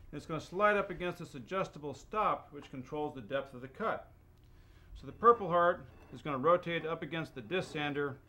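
A middle-aged man hosts a woodworking lesson from his workshop, speaking in a slightly raised register. He explains each cut clearly and methodically, with a touch of enthusiasm for his tools and jigs. A lapel mic keeps his voice close amid the shop space. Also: a little high, bright, forceful tone, a little hiss or hum. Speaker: host and woodworker. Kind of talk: instructional woodworking demonstration. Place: indoor wood workshop.

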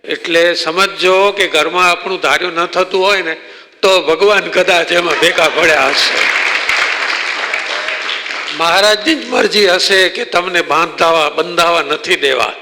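A man, a swami, telling a religious story in a sermon and acting out the quoted exchanges lively. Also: high-pitched, a little slow, a faint crowd, a little hiss or hum. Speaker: swami giving a religious discourse. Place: temple hall. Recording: long reverb in a temple hall.

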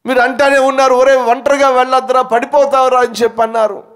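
A man's voice: very high-pitched, level tone, fast, a bit bright, smooth, voice pushed up. A man voicing a crying young son who pleads with his father for forgiveness, repeating "daddy" as he wails. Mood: tearful confession.

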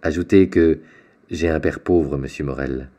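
A man voicing an earnest, respectful young sailor in an audiobook, speaking a little higher than his own narration. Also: unhurried, mellow.

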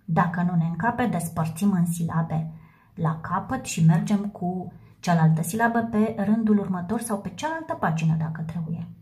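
A woman teaching a handwriting lesson to first graders, speaking slowly and spelling words out letter by letter. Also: lowish voice, expressive, dark tone. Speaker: primary school teacher. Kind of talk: slow handwriting lesson for young children.

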